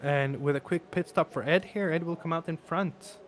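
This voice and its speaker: A man calling a sim race live, talking through his race-day hoarseness with lots of fillers and restarts. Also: fairly high pitch, normal speed. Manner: excitable, many fillers and restarts. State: voice wearing out. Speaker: race commentator. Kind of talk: live sim racing commentary. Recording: noisy stream with engine sounds. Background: race car engine noise.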